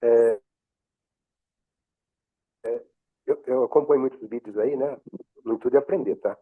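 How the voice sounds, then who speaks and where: A man from Brazil, a student in an online class, sharing an observation haltingly with many restarts. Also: mid-range voice, expressive, breathy edge. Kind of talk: class discussion. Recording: tinny phone-like line.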